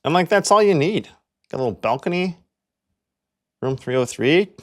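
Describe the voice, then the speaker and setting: Here a young Canadian man hosts a casual house walkthrough as the real estate agent behind the video. His voice is a touch high and animated, moving at a moderate pace, and his chatty talk is crowded with fillers, "like" above all.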